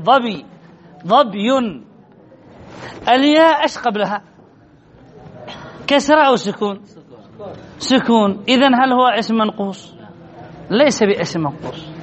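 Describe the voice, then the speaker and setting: High-voiced man teaching, dull lo-fi recording. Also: a bit bright. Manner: questions the students and answers himself, repeats key words. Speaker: grammar teacher. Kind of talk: classroom lesson on Arabic grammar. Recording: dull lo-fi recording with faint noise.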